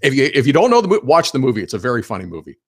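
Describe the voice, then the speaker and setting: A man's voice: medium pitch, wildly swooping pitch, rapid-fire. Chatty opinionated male hockey radio host. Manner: chatty, opinionated, laughs while telling stories. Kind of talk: casual hockey radio talk.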